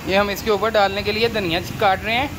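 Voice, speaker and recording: A man hosting a cooking channel, calmly explaining each step of a big-pot recipe as he works in an outdoor courtyard. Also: sits high, fast talker. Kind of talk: cooking demonstration narration. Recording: noisy outdoor recording.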